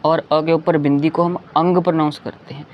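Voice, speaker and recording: A man's voice: on the high side, flat delivery, a little fast. A man teaching a lesson, patiently repeating each sound and often checking that listeners follow. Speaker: Hindi teacher. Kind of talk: slow explanatory lesson. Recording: dull lo-fi recording with faint background noise.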